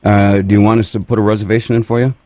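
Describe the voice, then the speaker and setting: A man's voice: lowish voice, flat delivery, rapid-fire, a little mellow, dry recording. A man hosting a radio show, wisecracking through a string of one-liners and laughing at his own jokes. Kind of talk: joking radio banter.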